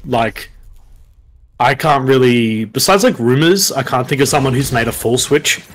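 A man doing live esports commentary, joking around and reacting loudly to big hits. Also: medium pitch, normal speed. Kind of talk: live fighting-game commentary.

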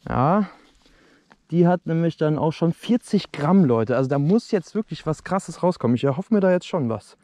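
A man's voice: a little high, lively intonation, moderate pace, mellow. A young man talking casually to his viewers while reviewing fireworks outdoors at dusk, recorded on an action camera. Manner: chatty, addresses viewers directly. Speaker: fireworks video host. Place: outdoors on open dirt ground at dusk.

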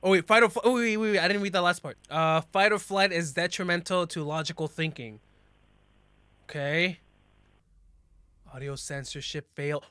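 His voice is on the high side, at normal speed with long pauses, clean and echo-free. This young adult hosts a horror reaction video from a small bedroom on a headset with a desk mic, joking around and breaking into yelps and laughs when the scares hit.

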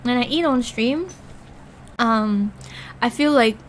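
A woman's voice: fairly high pitch, slow pace, slight background noise. A young woman, chatting casually with her viewers while she eats. She rambles and giggles, leaning on "like" constantly. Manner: rambling and giggly, heavy use of "like". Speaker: Twitch streamer.

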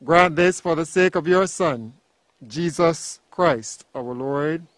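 A man leading a funeral committal, reading liturgical prayers in a slow, solemn, measured cadence. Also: fairly high pitch, a bit bright, no room sound.

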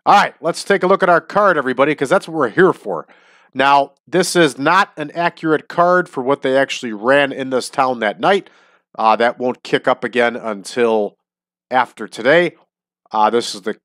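The host of a wrestling sim series speaks in a medium, fairly bright voice made nasal and stuffy by a sinus infection. He stays upbeat and casual, calling his viewers "everybody," in a dry, studio-quality recording.

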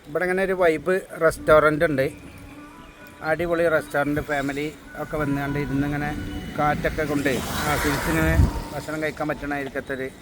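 A man with a Malabar Malayalam accent and a slightly high voice talks casually as a travel vlogger, dropping English words into his slang. He sounds enthusiastic and repeats his exclamations. Clear wind and outdoor noise sit behind him. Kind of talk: casual outdoor vlog commentary. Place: outdoors at a windy hilltop viewpoint at night. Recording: loud windy outdoor noise.

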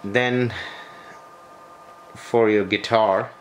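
A man with a low-pitched, steady voice gives an unscripted, hands-on equipment tutorial from a small bedroom. He explains slowly in halting, broken phrases with frequent hesitations, and the home video carries noticeable background noise.

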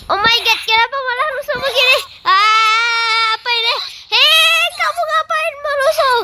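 A performer voicing an excitable young game character in a role-play, crying out in frantic panic. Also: very high-pitched, a little slow, noisy background. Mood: panicky.

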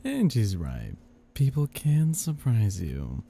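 A man's voice: lowish voice, huge pitch swings, takes it slowly, creaky, mellow, a little hiss or hum, heavily acted. A man playing a sly, coaxing male devil who schemes with playful menace in an ASMR audio role-play. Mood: sly, goading.

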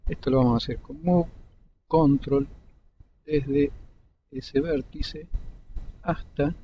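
Man calmly narrating a modeling tutorial. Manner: calm step-by-step explaining, pausing between clicks. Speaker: 3D modeling instructor. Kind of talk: screen-recorded software tutorial. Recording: dull lo-fi desktop mic with faint rumble.

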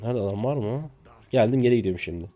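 A man in his twenties from Turkey narrates his own match live for viewers. His voice swings widely in pitch, from low mutters to sudden squeaky yelps. He talks in a loose, excitable, jokey way, with casual swearing. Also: racing. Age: 20s. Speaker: streamer. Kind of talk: live gameplay commentary.

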